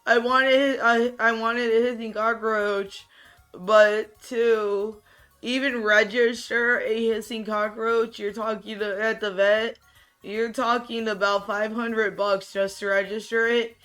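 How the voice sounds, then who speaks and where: Slowly and without much inflection, a gaming streamer chats away in a raspy, drowsy, low-key voice. His talk meanders, with many restarted sentences, over a backdrop of soft music.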